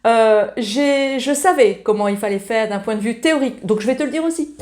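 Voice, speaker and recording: A woman's voice: fairly high pitch, fairly quick. A woman giving a casual ukulele lesson, talking in a chatty, familiar way while strumming along. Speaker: ukulele teacher. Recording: loud ukulele playing along.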